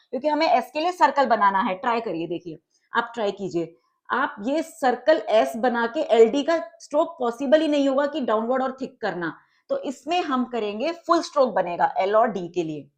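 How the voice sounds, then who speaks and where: A woman's voice: fairly high pitch, lively intonation, normal speed. A woman teacher giving a patient, step-by-step lesson, checking that her students follow along.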